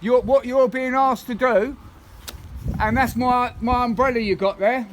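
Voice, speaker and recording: A man's voice: extremely high pitch, fairly even intonation, unhurried, a little hiss or hum. A man firmly and insistently telling people at his property to leave, repeating legal warnings. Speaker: property occupier confronting bailiffs. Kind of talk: confrontational recorded exchange.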